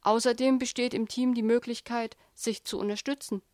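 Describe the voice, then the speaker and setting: A woman's voice: on the high side, fairly even intonation, normal speed, darkish tone, no echo, clean studio sound. A woman giving a devotional talk with scripture readings, earnest but casually phrased. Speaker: devotional speaker.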